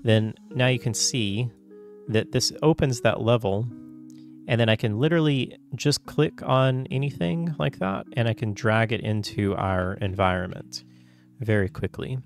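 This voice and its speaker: A man getting over a cold, coughing now and then, talking through a casual software tutorial in a loose, chatty way full of fillers and self-corrections. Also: mid-range voice, fairly even intonation, a little slow, gravelly, soft background music. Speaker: tutorial host.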